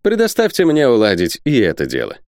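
A man's voice: medium pitch, huge pitch swings, brisk, darkish tone, no echo, studio quality, pitched above the performer's own voice. A man voicing a composed army captain who gives firm orders. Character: calm commanding male army captain.

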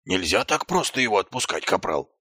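A man's voice: fairly low pitch, a little fast, sharp tone, voice pushed down. A man voicing a nervous middle-aged male sergeant who frets and hisses. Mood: anxious. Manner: fretful, hissing.

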